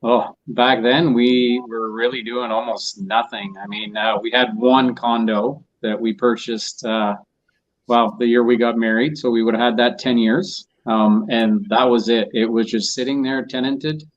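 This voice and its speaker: A man's voice: mid-range voice, level tone, unhurried. A middle-aged man speaking over a phone call as a guest on an online panel, easygoing and casual. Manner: easygoing, laughs at his own tech troubles. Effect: heard over a phone call. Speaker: guest on a real estate webinar panel. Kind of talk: casual conversational answers. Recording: dull lo-fi phone audio.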